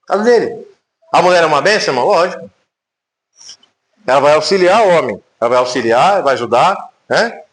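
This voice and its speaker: Brazilian pastor guy preaching, fairly high voice, big echoey church. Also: animated, brisk, pauses often. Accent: Brazilian Portuguese. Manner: conversational, emphatic preaching with rhetorical questions. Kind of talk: sermon. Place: church sanctuary.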